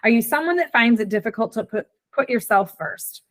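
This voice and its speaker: A woman's voice: fairly high pitch, lively intonation, fairly quick. A woman in her forties hosting a podcast, chatting reflectively and acting out her own thoughts. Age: 40s. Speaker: podcast host. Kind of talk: casual chat.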